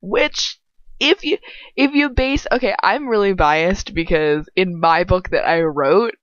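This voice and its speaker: Speaking unhurriedly in a voice on the low side, a woman offers casual commentary on a story as an amateur fan fiction reader. She is blunt, rambling, sarcastic and exasperated, swearing freely, on a dry, dull lo-fi home recording with no room sound.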